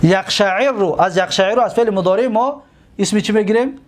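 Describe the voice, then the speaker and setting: A man with a Tajik accent teaching a class, repeating terms and quizzing students with quick questions. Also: high-pitched. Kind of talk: classroom lecture.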